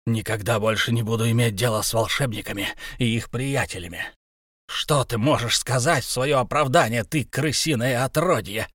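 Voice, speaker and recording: A man's voice: medium pitch, normal speed, a bit bright, dry recording, clean studio sound, close to an everyday voice. A man playing a proud, stubborn dwarf king who speaks sternly and harshly. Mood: furious.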